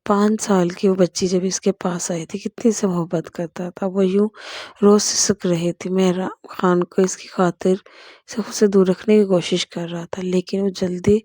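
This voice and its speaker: Brief: woman novel reader, warm and breathy tone, dry close sound, casual storytelling. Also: on the low side, little pitch movement, no echo.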